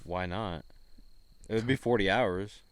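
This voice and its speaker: A man's voice: lowish voice, a little slow, dry recording. A young man co-hosting a podcast, easygoing and agreeable in casual chat. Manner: easygoing, agreeable, short replies. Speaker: podcast co-host.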